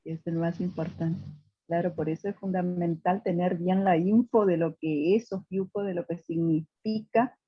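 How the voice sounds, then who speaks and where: Female student, husky, meandering and thoughtful, on a dull, dry online call. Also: lowish voice, steady tone, normal speed, no room sound. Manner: thoughtful, rambling with many fillers. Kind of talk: casual conversation with teacher.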